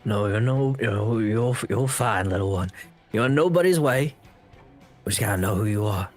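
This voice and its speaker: Soft-spoken bodyguard, calm and reassuring, played by a man, faint music under. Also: on the low side, normal speed, voice pushed down, lightly acted. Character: burly male bodyguard, gentle and reassuring.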